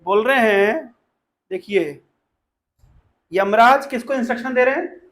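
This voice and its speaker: High-voiced male preacher leading devotional talk. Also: unhurried, fairly bright tone. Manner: explanatory, asks the audience questions and leads call-and-response recitation. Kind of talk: devotional talk with verse chanting.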